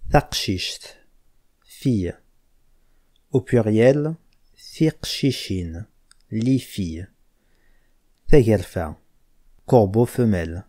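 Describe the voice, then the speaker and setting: Slow, deliberate male language teacher. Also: on the low side, dark tone. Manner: slow and deliberate, spells out words and gives word pairs one by one. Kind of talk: slow spelled-out language lesson.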